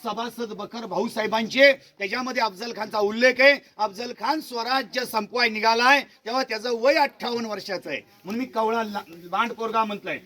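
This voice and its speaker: A man's voice: very high voice, fairly quick, hardly any pauses, bright, forceful tone. A man guiding a school group around a hill fort outdoors, telling history dramatically, repeating words for effect and asking the crowd questions. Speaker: fort tour guide.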